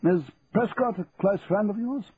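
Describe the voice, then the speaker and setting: A man voicing a stern older army colonel who speaks formally and deliberately. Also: sits high, pitched above the performer's own voice, close to an everyday voice. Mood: probing. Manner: measured, formal, officer's clipped diction. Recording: tinny phone-like, faint hiss.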